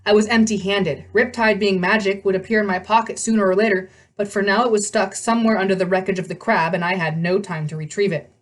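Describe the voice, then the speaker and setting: A woman reading a novel aloud with animated delivery, often stumbling and correcting herself. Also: medium pitch, quick pace, few pauses. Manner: animated reading, frequent slips and self-corrections. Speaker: read-aloud host.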